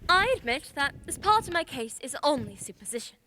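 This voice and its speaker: High, bright-voiced confident female detective, acted by a woman. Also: big pitch swings, brisk, heavily acted. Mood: composed, confident. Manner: assertive, precise, formal. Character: confident female detective, sharp and methodical, accused of murder. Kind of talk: radio play acting.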